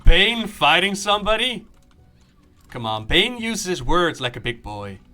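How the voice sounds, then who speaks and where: A man's voice: high-pitched, very animated, unhurried, bright, forceful tone. A man streaming a game, commenting live, joking, recapping the story and acting out dialogue as he reads.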